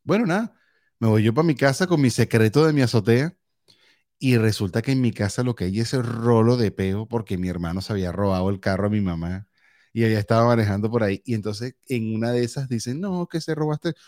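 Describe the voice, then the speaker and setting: A man's voice: fairly low pitch, brisk. Laughing Venezuelan man telling stories. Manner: animated, laughing, acts out quotes. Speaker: podcast co-host. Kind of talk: casual storytelling chat.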